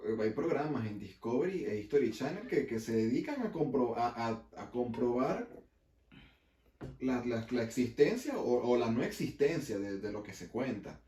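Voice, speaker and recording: Venezuelan man, podcast co-host, halting speech, dark mellow tone, roomy echo. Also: medium pitch, big pitch swings. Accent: Venezuelan Spanish. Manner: halting, stumbles and repeats words. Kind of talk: casual opinion podcast chat.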